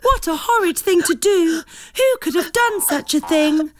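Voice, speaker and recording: A sensible little ladybird girl with a high, bouncy voice, as a woman reads her out. She speaks firmly and kindly, with lively swings in pitch, slow and clear for a storybook. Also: a little hiss or hum, heavily acted. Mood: indignant. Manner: high, bright child voice. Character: kind young female ladybird, sensible and firm.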